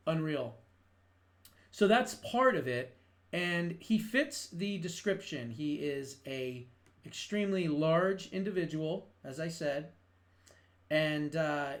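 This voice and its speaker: Slow, high-voiced sarcastic male commentator. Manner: sarcastic, emphatic, mocking rhetorical questions. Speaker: commentary show host. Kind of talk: political commentary monologue.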